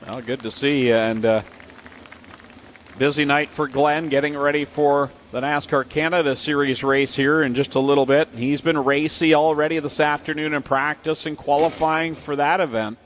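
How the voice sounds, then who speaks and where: A man's voice: on the high side, steady tone, normal speed. A man giving motorsport play-by-play commentary as a race announcer with a projected delivery. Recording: noisy outdoor trackside with vehicle engines. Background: race cars and outdoor ambience.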